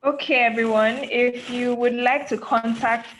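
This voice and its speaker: A woman's voice: fairly high pitch, fairly even intonation, measured pace, fairly bright tone, slight background noise, low-quality recording. A woman hosting a webinar, politely thanking the guest and reading out audience questions. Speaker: webinar host.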